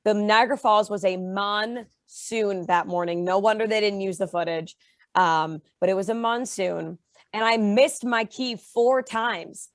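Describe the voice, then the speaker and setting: A young woman guest in a casual interview, telling her story with lively pitch jumps when she acts out quotes. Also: a little slow, no echo. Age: young adult. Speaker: interview guest, reality show contestant.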